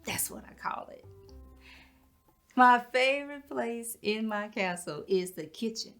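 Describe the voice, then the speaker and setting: A dignified, folksy mother who scrubs other people's floors and holds her head high, as a woman acts her out. She speaks in a fairly high voice and takes her time with every phrase, unhurried and storytelling. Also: expressive, fairly bright tone, soft background music. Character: proud, hardworking mother who cleans houses, middle-aged woman. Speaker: actor performing a stage monologue. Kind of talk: theatrical monologue.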